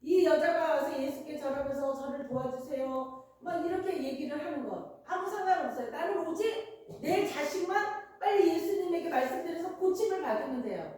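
A woman pastor preaching a sermon, telling the story in an expressive way and acting out the people in it. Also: very high voice, a little fast. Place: church sanctuary. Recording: roomy church hall, mic held at a distance.

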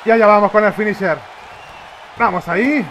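Excitable Spanish gamer man, high voice. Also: normal speed, muffled recording. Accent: Spain Spanish. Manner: excitable, shouting reactions at the game. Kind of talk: live gameplay commentary. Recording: loud game crowd and noise behind. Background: wrestling game crowd noise.

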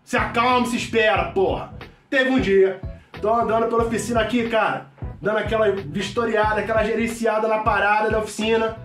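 A brash, loud middle-aged mechanic from a comedy sketch, played by a man, who shouts almost every phrase in a very high, strained voice, full of swearing and slang. Carioca accent, rambling speech. Recorded in an echoey room with the mic at a distance and faint music behind. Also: steady tone, fairly quick. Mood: boisterous.

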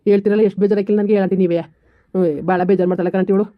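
A defensive, grumbling village husband, played by a woman in a comedy skit, rattling off his complaints quickly. The sound is dry and dull, like a cheap lo-fi recording. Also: mid-range voice, level tone, no room sound, close to an everyday voice.

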